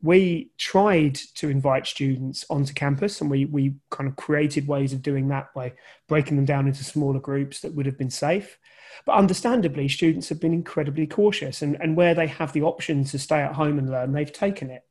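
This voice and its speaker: A man's voice: fairly high pitch, steady tone, moderate pace, darkish tone. Man, thoughtful and reflective. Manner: thoughtful, many restarts and fillers. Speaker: journalism lecturer. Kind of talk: conversational interview answers. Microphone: video call.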